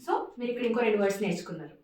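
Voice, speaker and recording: A woman teaching a casual spoken language lesson, repeating words slowly for pronunciation and mixing in English phrases. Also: mid-range voice, expressive, darkish tone. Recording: echoey room, distant mic.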